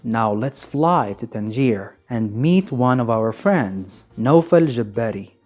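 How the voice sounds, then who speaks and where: A man's voice: mid-range voice, animated, slow, darkish tone, soft background music. A man with a Moroccan accent hosting a radio talk show, speaking as a scripted presenter.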